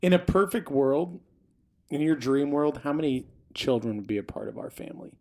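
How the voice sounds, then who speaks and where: A man's voice: a little high, expressive, normal speed, dark tone. A middle-aged man co-hosting a family podcast, teasing his kids in a playful way. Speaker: podcast co-host and father. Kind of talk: casual family podcast chat.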